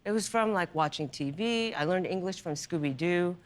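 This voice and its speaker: Low-voiced woman comic, dry and thoughtful, kinda trails off. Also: lively intonation, moderate pace. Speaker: comedian. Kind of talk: candid conversation.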